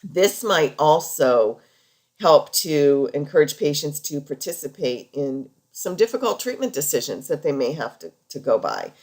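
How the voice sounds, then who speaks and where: A woman's voice: sits low, big pitch swings, a little slow, darkish tone. A woman lecturing over slides in an informal, conversational and explanatory way, as a healthcare practitioner teaching.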